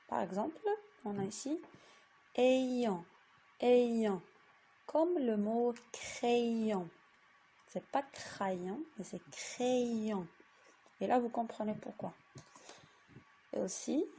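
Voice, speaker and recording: Slow, patient woman teaching reading. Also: a little high, mellow, slight background noise. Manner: slow, patient, repeats each word. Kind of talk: reading lesson for young children.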